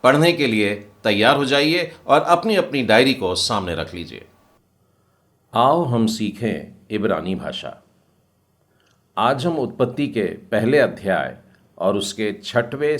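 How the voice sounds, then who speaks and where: A man's voice: on the low side, expressive, slow, a bit bright. A man teaching Hebrew step by step, patiently spelling out each word and repeating it. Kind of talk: slow step-by-step lesson.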